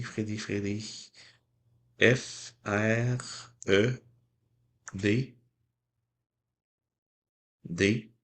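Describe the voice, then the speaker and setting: While he scratches off lottery tickets and reads the letters out individually, a man with a Québécois French accent keeps up a casual chat with viewers. His voice sits on the low side.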